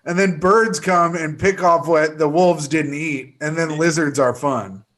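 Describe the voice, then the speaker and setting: A man's voice: on the high side, fairly even intonation, a little slow, a bit bright. A man co-hosting a casual comedy podcast, teasing his partner with dry jokes. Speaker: co-host.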